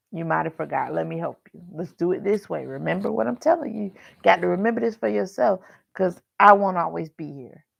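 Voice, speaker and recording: A woman's voice: on the low side, gravelly, no room sound. A woman hosting a casual livestream Bible talk, speaking frankly and chattily, scolding listeners with humor and calling them y'all. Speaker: Bible study host.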